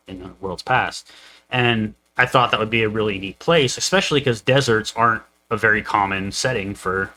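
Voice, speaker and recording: A man's voice: fairly low pitch, bright, forceful tone, poor audio. A young man co-hosting a casual podcast chat, rambling with lots of fillers and restarts. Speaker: co-host, game master.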